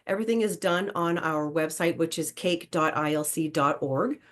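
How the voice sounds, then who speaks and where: A woman's voice: low-pitched, normal speed. A woman, giving an informal explanatory presentation as a program presenter.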